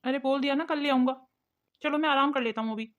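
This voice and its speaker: A woman's voice: high-pitched, fast, close to an everyday voice. A woman voicing a meek, tired young husband in a cartoon, speaking in a weary, defeated way. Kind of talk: cartoon voice acting. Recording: muffled lo-fi recording.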